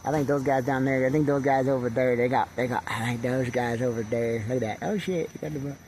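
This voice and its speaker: A man's voice: medium pitch, fairly even intonation, fairly quick, a little mellow, rough recording. An older man vlogging outdoors at a campsite on a handheld camera, rambling and profane, stumbling over restarts. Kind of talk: rambling casual vlog. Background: faint wind and birds.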